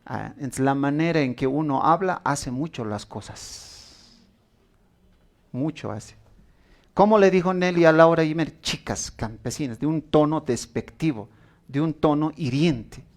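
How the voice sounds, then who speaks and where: A man's voice: on the high side, lively intonation, unhurried. A man preaching a sermon, telling stories with acted-out quotes and asking the congregation questions.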